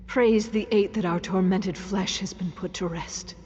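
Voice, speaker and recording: A woman voicing a solemn, grateful ghost in a fantasy video game, formal and earnest, breathy and husky, with a ghostly reverb. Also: medium pitch, steady tone, measured pace, darkish tone, a little hiss or hum. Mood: relieved. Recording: long reverb, dull sound, music behind.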